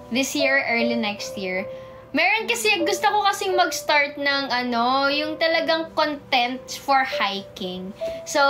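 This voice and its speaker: A young Filipino woman chatting casually on a livestream, bubbly and chatty, reading comments and greeting viewers by name, a little tongue-tied from a sore in her mouth. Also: high voice. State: sore mouth from a canker sore, stumbling over words. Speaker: idol livestreaming to fans. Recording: music playing in the background.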